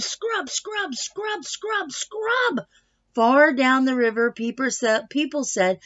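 At home in a small wood-panelled room, a middle-aged woman reads a children's picture book aloud on a webcam, stretching words for expressive emphasis. Her voice sits high and sounds sharp, though the recording is muffled.

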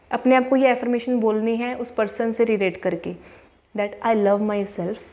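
Standing in front of a plain wall indoors, a young woman coaching the law of attraction speaks earnestly to camera, going over affirmations slowly. A clip-on lapel mic captures her mellow, mid-range voice.

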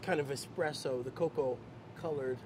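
A woman's voice: extremely low pitch, moderate pace. A woman on a walkthrough in a big stone warehouse, talking with enthusiasm and admiration, restarting her sentences as she thinks aloud. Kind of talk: casual on-site walkthrough. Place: large stone slab warehouse, indoors. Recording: noisy warehouse recording.

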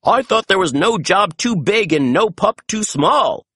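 Narrator as urgent old Santa Claus, raised pitch. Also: animated, measured pace, fairly bright tone, husky, dry recording, clean studio sound. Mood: pleading. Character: kindly old man Santa in trouble.

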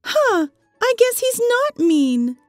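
A woman's voice: extremely high pitch, big pitch swings, slow, a little mellow, no room sound, faint music behind, full character voice. A woman voicing a dim, anxious, chatty Labrador with a nervous, rambling manner in a comic dub. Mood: wary.

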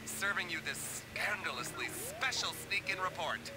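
A man's voice: high-pitched, expressive, moderate pace, bright, forceful tone, soft background music, exaggerated voice. An actor voicing a teenage boy putting on a campy, flamboyant TV host act in a video game. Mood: campy, showy. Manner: campy, teasing, showy sing-song delivery.

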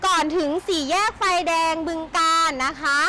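A woman's voice: very high voice, steady tone, moderate pace, pushed and bright. A woman presenting a chatty sales walkaround as a shop host, with gushing, enthusiastic patter. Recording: noisy handheld recording with vehicle sounds.

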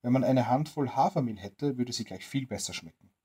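Jolly, crafty tramp, friendly and coaxing, slightly husky tone, read by a storyteller, a bedtime storybook role. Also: medium pitch, animated, brisk, mellow. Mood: sly. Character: cheerful cunning male tramp.

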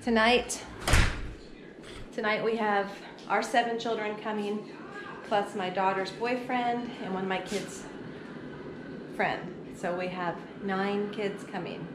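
A woman's voice: medium pitch, steady tone, takes it slowly, long pauses, noisy background. Chatty middle-aged woman vlogging a renovation. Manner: chatty, upbeat, rambling with ums. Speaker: family vlogger. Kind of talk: casual home-renovation vlog. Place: small lake house, indoors and in the yard. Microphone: handheld camera at arm's length.

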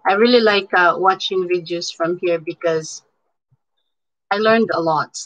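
Woman, Filipino accent, live-stream chat, slow talker, bright tone, muffled lo-fi sound. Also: fairly low pitch. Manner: chatty, code-switching, thanks viewers by name, frequent fillers. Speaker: vlogger chatting with live viewers. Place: indoors at home in Canada.

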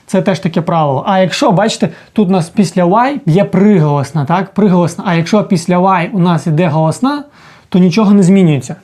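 Man, English teacher, mellow voice, patient explaining, casual video lesson. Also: sits high. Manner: explains slowly with frequent "так?" checks.

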